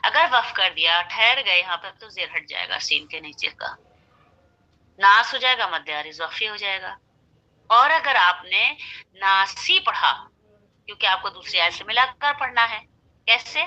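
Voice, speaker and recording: A woman's voice: mid-range voice, expressive, measured pace, pushed and bright, lo-fi sound. A woman teaching Quran recitation, patiently spelling out syllables and repeating them.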